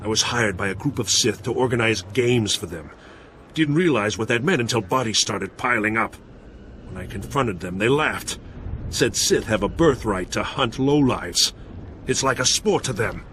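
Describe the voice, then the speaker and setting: A deep-voiced wary bounty hunter. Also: male voice, lively intonation, normal speed, a bit bright, a little hiss or hum. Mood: defensive. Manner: defensive, gruff, pragmatic.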